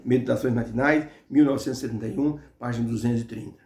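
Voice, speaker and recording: A man's voice: medium pitch, steady tone, fast, creaky, a little mellow. A man teaching a Bible lesson through devotional storytelling, talking conversationally with frequent hesitations. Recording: roomy echo.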